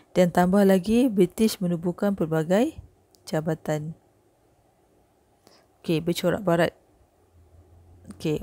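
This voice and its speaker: A young woman with a Malaysian accent talks a history class through a lesson, checking in with the listener after nearly every point. Her voice sits a little low and sounds mellow rather than bright. The recording is dry, with no room sound around her. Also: no echo. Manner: chatty, with frequent "okey", "eh" and "ha" checks. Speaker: history teacher.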